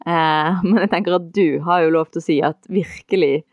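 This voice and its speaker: A woman's voice: on the low side, no echo, muffled recording. A woman hosting an interview in casual chat, often stringing several questions together. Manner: chatty, piles up several questions at once. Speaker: podcast host.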